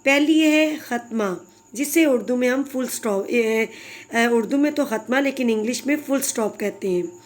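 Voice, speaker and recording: A woman's voice: a little high, normal speed. A woman teacher giving a patient, explanatory recorded grammar lesson to young children, addressing them fondly.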